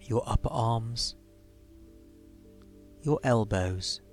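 A man leading a guided relaxation in a soothing, measured way, leaving long pauses between instructions. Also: medium pitch, darkish tone. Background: music.

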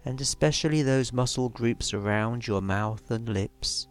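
A man leading a guided relaxation in a soothing, measured way, leaving long pauses between instructions. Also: medium pitch, clean tone. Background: music.

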